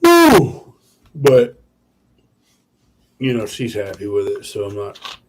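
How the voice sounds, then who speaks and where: A man's voice: lowish voice, steady tone, takes it slowly, background noise. A tired man, chatting casually with viewers on a live stream, rambling with lots of fillers. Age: 30s. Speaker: channel host.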